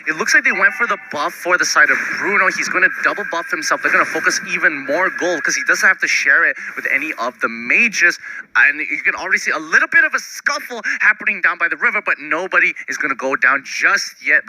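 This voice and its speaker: A man casting an esports match, analytical and energetic, short of breath behind a mask. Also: a little high, fairly quick, no room sound, poor audio. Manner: energetic, analytical, laughs easily. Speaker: esports caster. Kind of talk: esports commentary.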